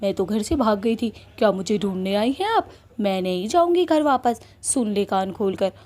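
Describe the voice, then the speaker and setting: A woman's voice: medium pitch, sing-song, moderate pace, a little mellow, lightly acted. A woman voicing a fiery, defiant young witch bride in a cartoon story, hurling insults and threats.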